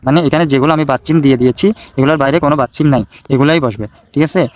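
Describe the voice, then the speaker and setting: A man's voice: mid-range voice, racing. A man with a Bangladeshi Bengali accent teaching a casual language lesson, repeating himself and often checking that listeners follow. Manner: repetitive, checks in with "ঠিক আছে?". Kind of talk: casual screen-recorded lesson.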